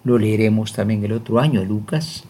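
An older man, a bishop, opening a prayerful scripture reflection in a devout, measured preaching manner. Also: fairly low pitch, dark tone.

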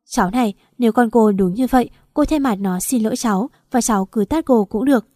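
A woman plays a gentle mother turned bitterly reproachful. The voice is mellow and warm. The recording is dry and close. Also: on the high side, brisk, no echo, natural voice. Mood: pleading. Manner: reproachful, scolding. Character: gentle older mother, shamed and angry.

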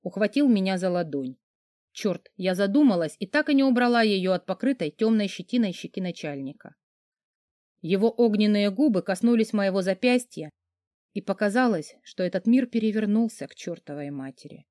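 A woman narrating a first-person audiobook in a wry, even storytelling manner. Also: medium pitch, moderate pace, dry recording, clean studio sound.

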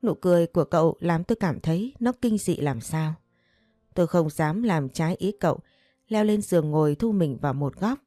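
A woman narrating a romance story in a calm, even reading voice. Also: lowish voice, moderate pace, no echo, studio quality, soft background music. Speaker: audiobook narrator.

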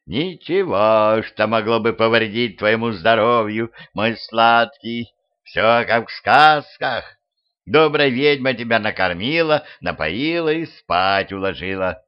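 A man voicing a seductive, scheming witch in a homemade audiobook, speaking slowly and purring, shrieking when enraged. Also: fairly low pitch, animated, smooth. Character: seductive scheming witch woman, later furious. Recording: dull lo-fi home recording.

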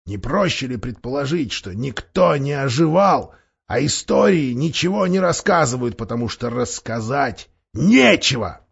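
A man's voice: big pitch swings, unhurried, creaky, breathy edge, muffled recording, heavily acted. A man voicing a sneering bitter dwarf. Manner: sneering, rising to shrill shouts. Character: bitter scheming male dwarf, sharp-tongued, defiant.

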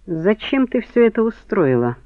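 A man's voice: sits high, very animated, moderate pace, no room sound, pitched above the performer's own voice. A man reading the part of an edgy, defensive man suspected of murder, snapping irritably. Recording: tinny phone-like band, dry.

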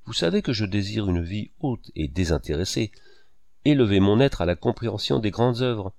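Man voicing a cool, calculating young woman from a storybook reading, low gravelly voice, lively rises and falls, dry close sound. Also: moderate pace, dry recording. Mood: musing. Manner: nervous, pleading then cool.

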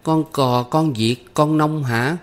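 A man's voice: a little high, slow, pitched above the performer's own voice. A man voicing a pleading, sulky little girl with a Southern Vietnamese accent in an audiobook. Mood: coaxing. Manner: coaxing, whiny pleading. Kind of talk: audiobook character voice.

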